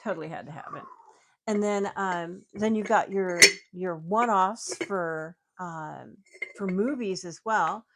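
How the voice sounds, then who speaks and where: A woman's voice: on the low side, a little slow, very noisy. Chatty woman showing off her collection. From United States. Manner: explains at length, laughs often. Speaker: guest, tiki mug collector. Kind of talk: casual chat, show-and-tell.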